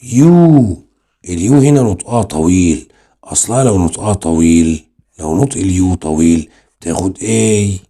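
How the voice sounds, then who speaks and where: A man's voice: sits low, moderate pace, warm tone. A man with an Egyptian Arabic accent teaching English grammar online, explaining step by step and asking and answering his own questions.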